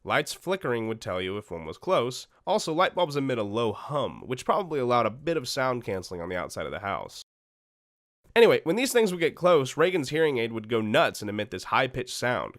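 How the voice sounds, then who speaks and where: A young man talks through a film analysis in a casual, conversational way, his pitch rising and falling a lot as he explains. He often repeats words while working through a point. The sound is dry and close, with no room echo. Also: sing-song, fairly quick, a bit bright. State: tired from overwork. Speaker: movie analysis YouTuber.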